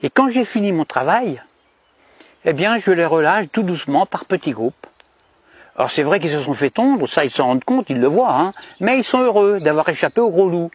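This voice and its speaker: A man as a smug cunning shepherd, husky voice, fairly high pitch, sly mock-cheerful satire. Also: very animated, moderate pace, no room sound. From DR Congo. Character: cunning, smug male shepherd boasting of control. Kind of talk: satirical monologue in character.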